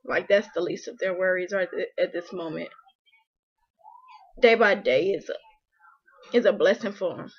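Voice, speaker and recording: A woman's voice: fairly low pitch, unhurried, long pauses, slightly rough, muffled recording. A young woman and mother talking heartfelt and emotional to her viewers, filling her speech with "like". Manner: emotional, heartfelt, frequent "like" fillers. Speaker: vlogger, mother. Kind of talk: casual personal talk to camera.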